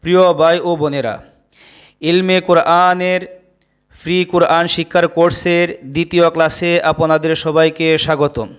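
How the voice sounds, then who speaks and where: A man's voice: fairly high pitch, little pitch movement, a little slow, smooth. A man teaching a lesson, patiently repeating each letter so learners can echo it. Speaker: Quran teacher. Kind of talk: slow, repetitive letter-drill lesson.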